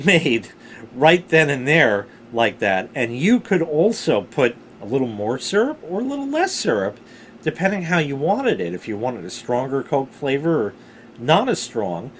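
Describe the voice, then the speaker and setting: A middle-aged man telling rambling personal stories casually, with animated, salty emphasis on key words. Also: medium pitch, slight background noise. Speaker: storyteller, vlog host.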